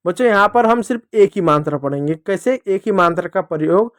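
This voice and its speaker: High-voiced man teaching phonics to children. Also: animated, fairly quick, a bit bright, dry recording, clean studio sound. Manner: repetitive, asks and answers own questions. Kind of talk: classroom phonics lesson.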